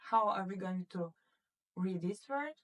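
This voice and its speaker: Slow-speaking woman teaching German sounds. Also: mid-range voice, lively intonation, fairly bright tone. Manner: asks the class questions, repeats words twice. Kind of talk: slow classroom lesson explaining pronunciation. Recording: voice from some distance off the mic.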